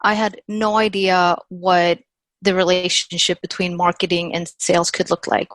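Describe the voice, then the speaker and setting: A woman in her thirties, from Sweden, telling her story as a podcast guest in a chatty, animated way. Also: on the low side, moderate pace, no echo. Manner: chatty, animated retelling with quoted dialogue and frequent "like". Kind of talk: casual storytelling interview.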